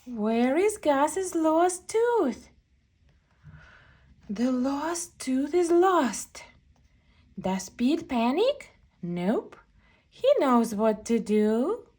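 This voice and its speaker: A woman with a high-pitched voice reads a children's picture book aloud, telling the story expressively and deliberately for young kids.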